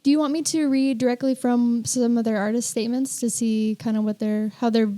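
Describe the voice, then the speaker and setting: A woman's voice: fairly high pitch, little pitch movement, a little fast, warm tone, dry recording. A woman co-hosting a podcast, chatting casually and playfully about art and sharing details about an exhibit. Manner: playful, joking, informative. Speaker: podcast co-host.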